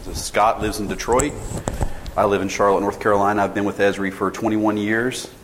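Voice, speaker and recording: In a conference session room, a sales director in his forties talks a little fast in a lowish voice that barely shifts in pitch. His manner is informal, with audience polls and plenty of restarts. The recording from his tethered mic has a noisy background, hall reverb, and faint ambience.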